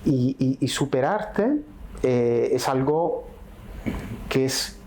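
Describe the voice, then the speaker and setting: In a casual conversation, a middle-aged Italian man with an Italian accent speaks as a podcast guest, reflective and unhurried, often closing his thoughts with a question tag. His mid-range voice has a darkish tone, and there's a little hiss or hum on the recording.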